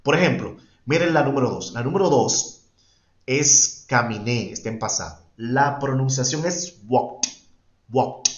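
A man's voice: mid-range voice, moderate pace. Emphatic male teacher in an echoey room. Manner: repetitive and emphatic, switching between two languages. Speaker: English teacher. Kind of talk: online class explanation. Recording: echoey, dull-sounding room.

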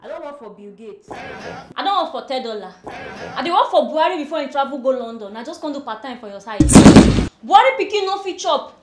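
Cheeky Nigerian house help. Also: female voice, high voice, expressive, fast, reverberant, very noisy. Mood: stubborn. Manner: pleading, laughing, mixes Pidgin and English. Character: cheeky stubborn female house help, defiant. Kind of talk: comedy film acting.

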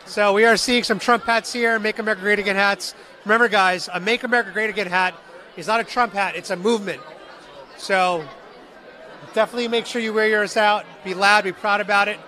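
A chatty young man talks straight to his viewers during a live vlog, holding an interview mic. His voice is high and bright. A crowd murmurs in the big indoor hall around him. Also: steady tone, fairly quick. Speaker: street interviewer and livestream host. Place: large indoor public meeting hall. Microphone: handheld interview mic.

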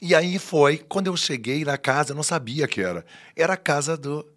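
Speaking briskly at a fairly high pitch, this male podcast guest tells stories in a relaxed studio conversation. He brings them to life by animatedly acting out each person he quotes.

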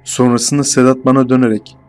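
A man's voice: mid-range voice, faint music behind. Man narrating a first-person horror story. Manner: steady, measured storytelling.

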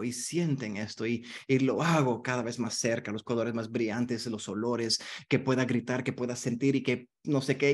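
A man teaching a hypnotherapy masterclass online, in a conversational way that keeps checking in with the class. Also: medium pitch. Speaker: hypnotherapy instructor.

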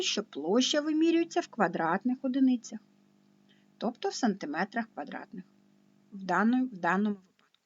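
A woman math teacher giving a slow, patient, step-by-step video lesson. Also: mid-range voice, slightly rough, muffled recording.

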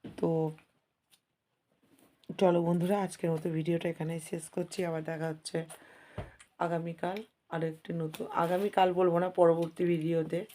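Hoarse housewife chatting to viewers. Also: female voice, lowish voice, flat delivery, normal speed, long pauses, dark tone, slight background noise. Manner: chatty, addresses viewers as friends. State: hoarse from a cold. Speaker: vlogger. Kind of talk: casual home vlog chat. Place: home kitchen.

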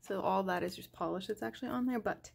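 Recorded by a camera mounted above her desk, a young woman talks fast while straightening up the nail polish in her home nail room, musing aloud with plenty of hesitations and fillers. Her mid-range voice is gravelly, and the audio is very noisy.

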